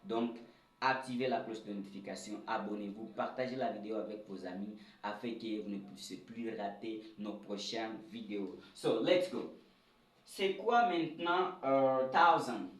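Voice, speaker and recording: A man teaching an English lesson at a board in a lively, questioning way, drilling words aloud. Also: lowish voice, moderate pace. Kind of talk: whiteboard lesson for French speakers. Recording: echoey room, voice a bit far from the mic.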